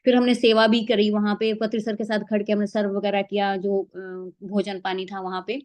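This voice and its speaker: A woman's voice: medium pitch, normal speed. A woman sharing a heartfelt spiritual experience, acting out the dialogue as she goes. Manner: animated storytelling, acts out dialogue. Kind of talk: emotional personal testimony.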